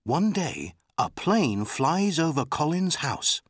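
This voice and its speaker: A man narrating a scripted children's story in a clear, simple storytelling manner. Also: a little high, very animated, slow, no room sound, studio quality.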